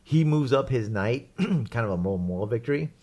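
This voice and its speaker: A man co-hosting a podcast, telling a tabletop game story in a rambling, animated way with laughs and restarts. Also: mid-range voice, fairly quick. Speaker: podcast co-host. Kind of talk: casual chat.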